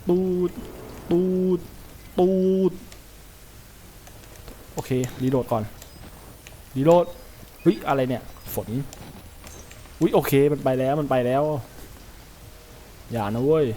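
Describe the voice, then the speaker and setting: A man's voice: mid-range voice, animated, slow, pauses often, dark tone, slight background noise. A man commenting as he plays a horror game, talking to himself and yelping when startled. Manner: jumpy, talks to himself, yelps when startled. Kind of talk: gameplay commentary.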